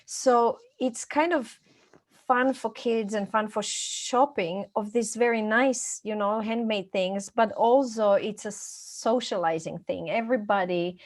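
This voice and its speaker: A middle-aged Croatian woman appears as a podcast guest, casually chatting and sharing stories about her life. Her voice is fairly high and she speaks a little slowly.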